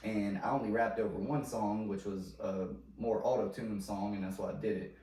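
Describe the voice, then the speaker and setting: Man, rambling casual chat, slangy, restarts a lot, lowish voice, roomy distant mic. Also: steady tone, moderate pace, warm tone. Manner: loose, rambling, heavy slang and filler; trails off and restarts often. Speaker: podcast host. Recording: roomy sound, mic at a distance, faint noise.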